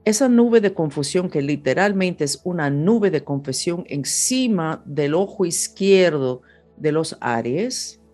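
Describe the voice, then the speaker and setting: A woman with a low, somewhat mellow voice presents horoscopes in Spanish, her second language. She speaks unscripted to her audience about astrology and spirituality while music plays.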